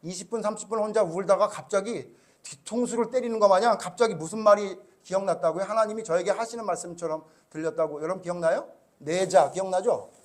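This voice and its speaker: A middle-aged pastor preaching a sermon in a fairly high voice. He tells stories and keeps checking in with his congregation. His delivery swings between quiet, hushed passages and loud, emphatic ones. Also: fast. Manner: storytelling, asks the congregation questions.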